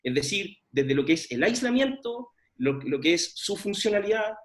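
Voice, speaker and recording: This middle-aged scientist from Chile speaks at a normal pace in a high voice with big swings in pitch. His informal research presentation is peppered with fillers and restarts.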